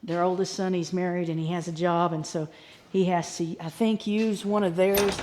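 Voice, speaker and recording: A woman's voice: fairly low pitch, fairly even intonation, normal speed, heavy background noise. A woman with a chats casually and folksily outdoors, meandering as she thinks aloud in a homestead vlog. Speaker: homesteading vlogger. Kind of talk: casual rambling vlog chat. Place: outdoors on a farm.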